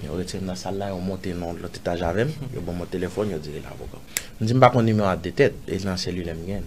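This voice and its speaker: A man with a Haitian accent, an interview guest recounting a personal story, acting out other people's lines with sudden loud jumps and dropping to murmurs. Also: fast talker, a little hiss or hum. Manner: animated, acts out others' lines in raised voice; drops to low murmurs and whispers.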